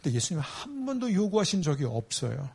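A man preaching a sermon, animated and asking the congregation rhetorical questions. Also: a little high, fast talker, gravelly, breathy edge. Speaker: pastor.

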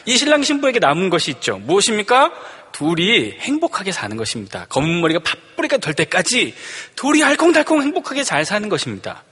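Bright, husky-voiced preaching man in a hall. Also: high voice, wildly swooping pitch, fast. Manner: preaching with rhetorical questions and dramatic swings between loud and hushed. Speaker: pastor. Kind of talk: sermon. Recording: long reverb from a large hall.

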